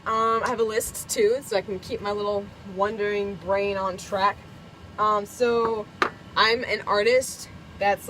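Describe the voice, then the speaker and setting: This is a casual cooking chat from a young woman vlogging in her camper kitchen in Kentucky, USA. She speaks at a medium pitch, giggly and bubbly, full of "like" and "um," over a rough recording with a little hiss or hum.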